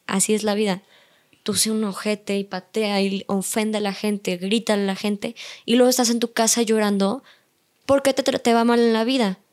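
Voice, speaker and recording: A woman's voice: mid-range voice, steady tone, normal speed, a little mellow. A woman with a Mexican accent, chatting as a guest on a podcast and acting out the people she quotes. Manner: chatty, acts out quoted voices. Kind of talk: casual podcast chat.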